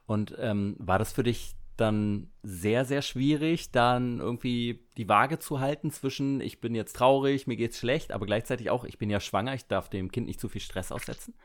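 A man's voice: mid-range voice, normal speed, few pauses. A man interviewing a former co-worker in casual chat, laughing along and asking long, winding questions.

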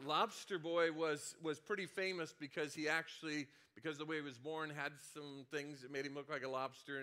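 A man's voice: medium pitch, sharp tone. A middle-aged man, a senior pastor, telling a childhood story in a conversational sermon with frequent restarts and asides.

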